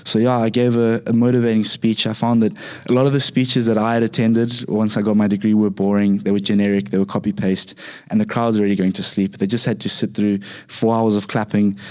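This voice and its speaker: Low, flat-voiced Zimbabwean man. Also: brisk, smooth. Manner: relaxed, frequent fillers and restarts. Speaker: podcast guest, fighter. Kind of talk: casual interview talk.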